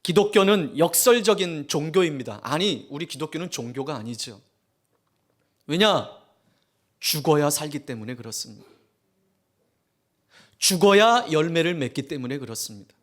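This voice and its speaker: A male pastor preaching a sermon in a church, telling exaggerated humorous stories in an animated way. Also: on the high side, normal speed, pauses often. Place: church sanctuary.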